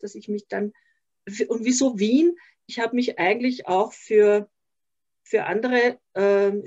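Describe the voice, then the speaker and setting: An older woman with an Austrian accent speaks in a mid-range, darkish voice. She is a social worker appearing as a guest in a conversational interview over a video call, reflective and hesitant, often restarting her sentences. The video call audio sounds slightly dull.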